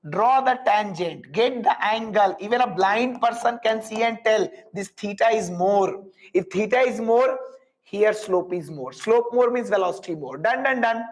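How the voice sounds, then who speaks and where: High-pitched Indian male physics teacher. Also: moderate pace, low-quality recording. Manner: repeats phrases, questions students, adds Hindi tags. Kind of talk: live classroom teaching, explaining step by step.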